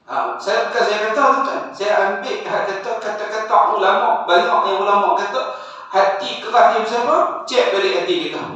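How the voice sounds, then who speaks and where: A man's voice: high voice, a bit bright. A man preaching an evening sermon, often addressing his listeners and asking rhetorical questions. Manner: addresses audience repeatedly, asks rhetorical questions. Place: mosque hall. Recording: echoey hall, distant and dull mic.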